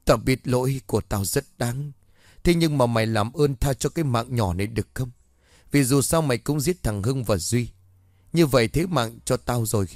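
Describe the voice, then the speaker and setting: A dying, spiteful villain in a horror story who strains through the pain, as a male narrator puts him on. His voice is mid-pitched and dry, recorded right up close. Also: moderate pace, a little mellow, dry recording, natural voice. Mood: pleading. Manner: strained, taunting. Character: wounded dying man, pleading and spiteful.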